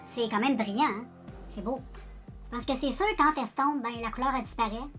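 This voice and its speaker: Faint music plays behind a fairly high, fairly bright female voice talking a little fast. She's a Quebec French-accented beauty vlogger who rambles and jokes about herself while addressing viewers casually during a makeup tutorial.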